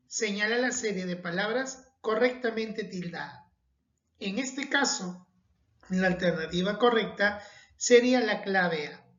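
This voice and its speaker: A woman teaching a recorded spelling lesson, speaking slowly and carefully and stressing each example word. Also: medium pitch. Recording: dull echoey room.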